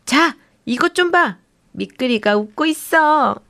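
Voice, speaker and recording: A woman's voice: sits high, expressive, slow pace, vocal fry, bright, forceful tone, pitched above the performer's own voice, heavily acted. A woman voicing a bold, mischievous young girl who gushes and bosses others. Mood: gushing.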